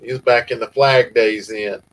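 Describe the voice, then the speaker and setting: A man's voice: mid-range voice, fairly even intonation, normal speed, poor audio. A man with a Southern US accent hosting a casual family-farm livestream, reading viewer comments in a laid-back drawl. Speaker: livestream host.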